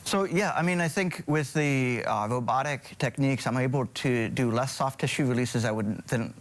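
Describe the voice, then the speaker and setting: A man's voice: medium pitch, moderate pace. A middle-aged man from Hawaii, a surgeon guest on a morning TV show, speaking hesitantly with many ums and restarts.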